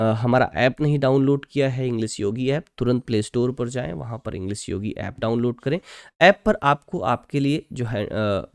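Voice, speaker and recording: A patient teacher speaks in an online lecture at a middling pitch. Short check-ins come every few phrases. English terms and verse lines are stretched out slowly, one syllable at a time. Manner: checks in often with short confirming asides.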